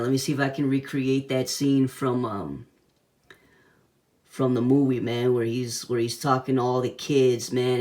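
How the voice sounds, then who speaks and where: A man giving a casual hands-on toy review in laid-back, slangy talk, with a whistle on his s sounds. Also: medium pitch.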